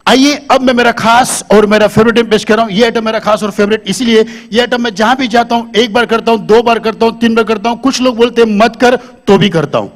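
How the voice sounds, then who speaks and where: A man's voice: very high voice, steady tone, fairly quick, few pauses. A man doing live stand-up comedy on a stage, talking to the audience into a handheld microphone and quizzing them.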